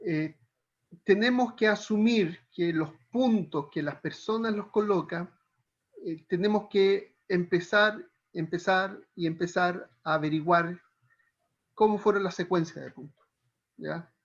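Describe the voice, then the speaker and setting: High-voiced man teaching a class. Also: measured pace. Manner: explains step by step, asks the class "¿ya?" often. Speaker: Bible counseling teacher. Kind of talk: classroom lecture. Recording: dull lo-fi classroom recording.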